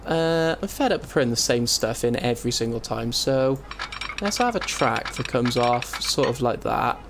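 A let's play host gives loose, rambling commentary on his game, thinking aloud and often interrupting himself. His mid-range voice is animated and creaky, at a normal speed. The voice-over comes through a compressed desktop mic, with typing and faint room noise in the background.

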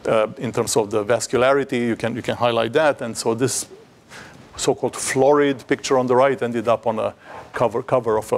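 A middle-aged man giving an academic seminar talk in a lecture hall, speaking in a halting way with many restarts and fillers and some dry humor. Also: mid-range voice, vocal fry. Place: lecture hall, standing at a projected slide.

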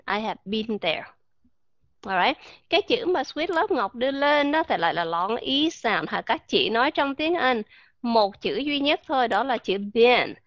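A woman's voice: on the high side, fairly bright tone, dry recording, highs cut off. Woman teaching pronunciation online. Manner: encouraging, slowly drills and repeats English words. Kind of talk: live online voice-chat lesson.

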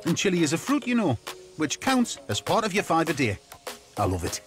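A cheerful middle-aged man from the UK narrates a cooking show in a conversational voice-over. His voice swoops widely in pitch, with clear background music beneath. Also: wildly swooping pitch, a little fast. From United Kingdom.

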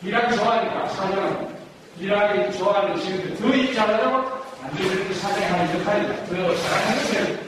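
A man's voice: high-pitched, fast. A man giving a lecture to staff as a professor, acting out scolding and praising phrases in a theatrical way. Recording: distant echoey hall with noise.

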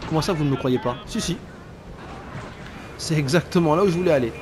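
A man's voice: a little high, brisk. A man giving casual, joking gameplay commentary as a let's player, talking to the character he controls. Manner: animated, joking, talks to the game character. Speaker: video game let's player. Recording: commentary over loud game noise. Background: game sound effects, sirens and vehicles.

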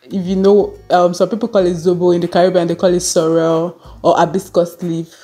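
A young woman chats to her viewers between bites, telling a story in a relaxed, easygoing way. Her voice sits a little low and sounds mellow and dark. Faint music plays behind her. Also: fairly quick. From Nigeria. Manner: chatty, laughing, eating on camera. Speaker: vlogger. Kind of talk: casual storytelling while eating.

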